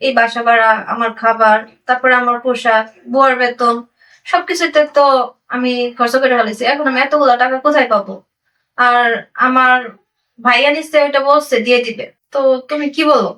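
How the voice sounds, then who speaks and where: An actress playing a deceitful young wife, pleading and wheedling, with a Bangladeshi accent. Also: female voice, high voice, fairly even intonation, fairly quick, bright, forceful tone. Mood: defensive. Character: deceitful young wife hiding spent money. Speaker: migrant worker's wife. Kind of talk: amateur drama acting. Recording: voice distant from the mic.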